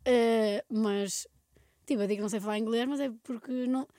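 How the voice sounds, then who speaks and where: Portuguese girl cutting in with little teasing jokes, higher voice, dry mic. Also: steady tone, fairly quick, mellow, no room sound. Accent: European Portuguese. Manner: short teasing interjections, jokingly slipping into English. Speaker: podcast co-host. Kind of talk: casual chat.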